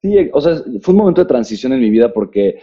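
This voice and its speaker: A Mexican man, an author, telling his story in a casual interview, animated and full of "eh" and "pues" fillers. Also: medium pitch, fast talker. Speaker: guest, author and entrepreneur. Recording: muffled dull recording.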